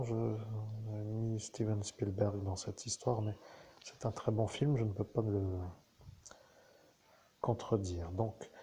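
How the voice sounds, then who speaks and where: Slow, low, mellow-voiced man musing. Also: slight background noise. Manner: digressive, musing, with asides and self-corrections. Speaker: spiritual speaker addressing listeners. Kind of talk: rambling spiritual monologue.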